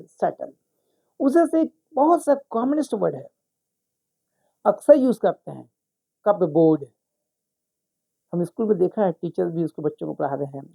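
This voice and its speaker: Gravelly male teacher spelling out words. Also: high-pitched, dark tone. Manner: repeats each word many times and spells it out letter by letter. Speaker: spoken English teacher. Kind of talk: explanatory lesson.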